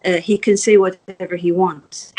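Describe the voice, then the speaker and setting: A woman's voice: on the low side, steady tone, moderate pace, darkish tone, slight background noise, low-quality recording. A woman from the Emirates, a guest in an interview, speaking earnestly with many restarts and apologies. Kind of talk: video interview.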